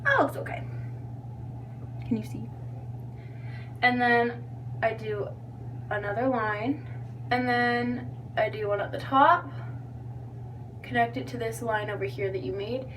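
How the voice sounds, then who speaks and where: A woman's voice: a little high, unhurried, pauses often, fairly bright tone. A young woman giving a casual, chatty tutorial in a loose, tipsy, giggly and self-deprecating manner. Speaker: makeup tutorial vlogger. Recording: distant mic with background noise and hum.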